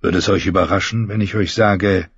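A man voicing a weary middle-aged holy man, a former knight, speaking quietly and confessionally in an audiobook. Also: deep voice, steady tone, brisk, slightly rough, dry recording. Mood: regretful. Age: 40s. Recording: dull muffled recording.

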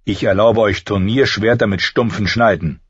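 A man's voice: fairly low pitch, normal speed, husky, dry recording, muffled recording. A man voicing a stern, older master-at-arms who speaks in a firm, commanding way.

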